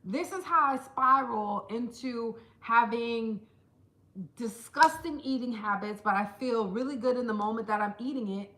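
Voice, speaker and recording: A woman vlogger chatting casually to camera, telling stories in an animated way and putting on quick voices for the people she quotes. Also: fairly high pitch, reverberant, low-quality recording. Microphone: small handheld camera.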